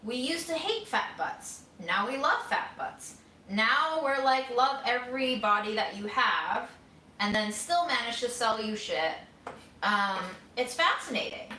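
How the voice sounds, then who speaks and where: A woman in her thirties talks candidly and wryly as she cooks, her bright, forceful voice wandering from one thought to the next. She sits a little back from the mic, and the kitchen lends a roomy echo. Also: on the high side, lively intonation, a little slow, a little hiss or hum. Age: 30s. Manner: candid, rambling, wry. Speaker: vlogger caring for her grandmother. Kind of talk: casual musing while cooking. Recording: roomy sound, mic at a distance.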